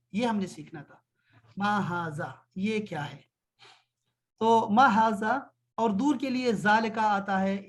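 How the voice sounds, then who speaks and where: A man teaching an online Arabic lesson, explaining patiently and repeating phrases slowly. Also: high-pitched.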